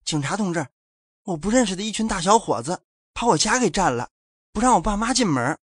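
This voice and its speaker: A man's voice: sits high, animated, fairly quick, husky, no room sound, voice pushed up. Man doing an upset middle-aged woman, raised voice, insistent, dry sound. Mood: indignant. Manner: agitated, insistent complaining.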